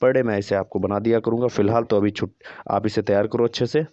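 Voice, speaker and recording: A man's voice: fairly low pitch, steady tone, fast, dark tone, no echo. Male teacher, walks through vocabulary tricks, spells words out and repeats them; dry, dull lo-fi sound. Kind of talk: vocabulary lesson with memory tricks.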